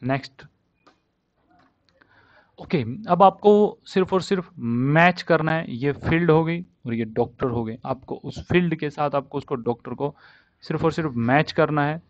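A man with a slightly high voice teaches vocabulary in a relaxed, chatty way, saying each word again and again so the listener picks up how it sounds. He switches freely between Hindi and English. The recording is dry and dull, with a lo-fi edge. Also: measured pace, no room sound. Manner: repeats words over and over, drilling pronunciation. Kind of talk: casual spoken lesson on word pronunciation.

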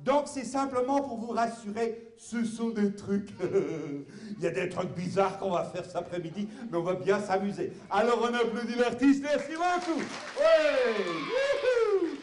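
A man's voice: sits high, moderate pace. A man performing as a clown for a children's audience, playful and exaggerated, full of cries and banter with the crowd. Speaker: clown entertainer. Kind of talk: live clown show for children. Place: hall with a live audience. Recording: echoey hall, noisy crowd. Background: children's audience, clapping and chatter.

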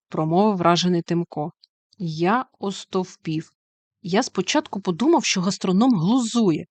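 A woman reads a storybook aloud with lively, expressive storytelling. Her voice sits at a middle pitch for a woman. The sound is dry and close, with no room echo. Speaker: audiobook reader. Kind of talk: storybook narration.

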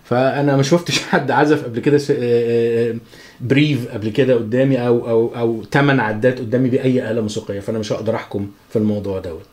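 Man, egyptian arabic accent, very fast talker, chatty guitar teacher, counts beats aloud, guitar in the background. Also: medium pitch, steady tone, a little mellow. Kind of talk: casual spoken music lesson.

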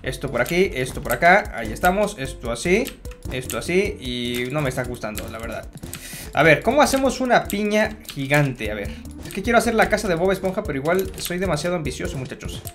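Man, casual gameplay commentary, chatty, self-mocking, talks to viewers, soft music underneath. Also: on the high side, very animated, brisk. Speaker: Minecraft gamer.

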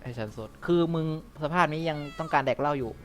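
A man's voice: fairly high pitch, fairly even intonation, quick pace, a bit bright. A man giving casual commentary over a video game he is playing. He is chatty and polite, and he jokes around by ad-libbing lines for the characters. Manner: chatty and polite, ends phrases with courteous particles. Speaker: gamer hosting a let's play channel.

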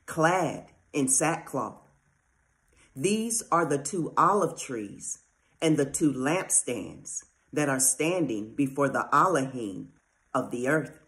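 A reader giving a measured, solemn scripture reading with a deliberate delivery. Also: medium pitch, fairly bright tone.

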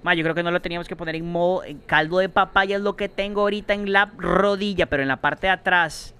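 A young man giving excitable, swear-filled commentary while streaming a game, yelling when scared. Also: high voice, fast talker, a little hiss or hum. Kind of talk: let's play commentary.

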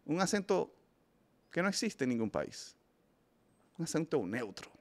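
Emphatic, slightly high-voiced male host. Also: very animated, measured pace. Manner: emphatic, addresses listeners directly, frequent restarts. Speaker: film review show host. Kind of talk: opinionated casual commentary.

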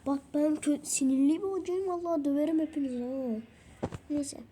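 A woman's voice: high voice, fairly quick, warm tone, natural voice. A young woman voicing a short-tempered male teacher who swears and threatens the class. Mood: angry.

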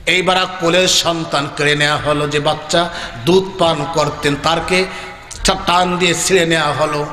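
A man from Bangladesh preaching a sermon as a chanted story, rising into high shouted, sing-song climaxes. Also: steady tone, moderate pace, roomy sound, in a large hall, slight background noise.

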